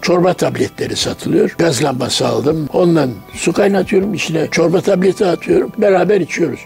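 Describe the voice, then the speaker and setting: Gravelly high-voiced man in his nineties. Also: fairly quick, a little mellow, faint music behind. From Turkey. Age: 90s. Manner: anecdotal storyteller who acts out quoted dialogue. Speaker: interviewee recalling his life. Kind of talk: documentary interview, reminiscing.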